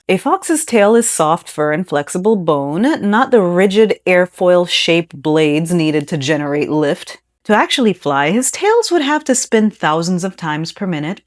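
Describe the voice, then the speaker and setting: A young adult woman hosting a science explainer video, reading a script with casual asides and bursting into giggly, excited outbursts. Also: fairly low pitch.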